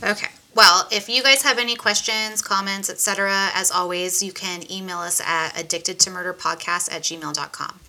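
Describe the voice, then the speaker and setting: A woman's voice: medium pitch, fairly even intonation, normal speed, hardly any pauses, bright, forceful tone. A woman co-hosting a true-crime podcast, reading from notes in a chatty way with casual asides. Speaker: podcast co-host.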